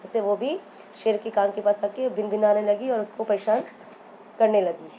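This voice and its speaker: A woman's voice: mid-range voice, moderate pace, warm tone, slight background noise, low-quality recording. Woman teacher quizzing children through a story. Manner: repeats and quizzes the listeners.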